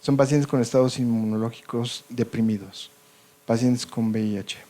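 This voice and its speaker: A male doctor with a Mexican Spanish accent gives a medical lecture to a live audience. His voice is dark and mellow, and he keeps asking the room "ok?" to check that they follow. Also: mid-range voice, fairly even intonation, moderate pace. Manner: conversational, checks in with frequent "ok?" and "¿sí o no?".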